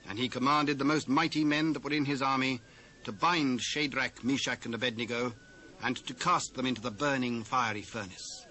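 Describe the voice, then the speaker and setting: A man's voice: medium pitch, pushed and bright, low-quality recording. Solemn British male narrator. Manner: measured, solemn, formal. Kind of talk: dramatic scripture narration. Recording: faint hiss, old cassette transfer.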